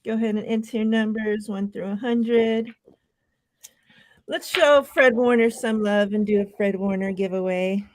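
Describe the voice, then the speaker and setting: A woman's voice: mid-range voice, moderate pace, no room sound. A woman hosting a casual sports podcast, blunt and direct as she runs the segment. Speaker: podcast host. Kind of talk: casual chat.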